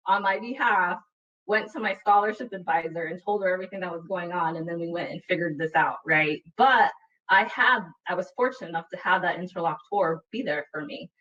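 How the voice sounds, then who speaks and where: A woman's voice: lowish voice, a little fast, a bit bright. A woman from Utah, a panelist telling a personal story in a webinar, earnest and reflective, often checking in with "right?". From Utah, USA. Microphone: video call computer mic. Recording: dull, distant webinar audio.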